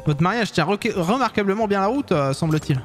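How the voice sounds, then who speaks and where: A man playing a courteous young private detective, speaking evenly with a slightly raised pitch. He sounds measured and polite, with faint music behind, in this game fan dub. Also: animated. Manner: courteous, measured, a few slips.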